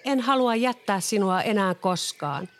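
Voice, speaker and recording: A reader voicing a gentle, loving young woman in a storybook. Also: medium pitch, animated, voice pushed up, close to an everyday voice. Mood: tender. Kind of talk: storybook reading.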